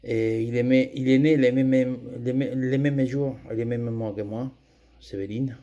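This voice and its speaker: A man's voice: medium pitch, steady tone, unhurried, warm tone. A middle-aged man from Andalusia with a Spanish accent, speaking French as a second language and giving a personal testimony, hesitant with many fillers and restarts. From Andalusia, Spain. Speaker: testimony giver.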